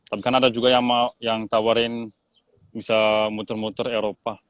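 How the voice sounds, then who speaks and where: A man's voice: on the low side, level tone, normal speed, no echo. Laid-back young man from Switzerland. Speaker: guest, tour guide. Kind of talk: casual interview chat.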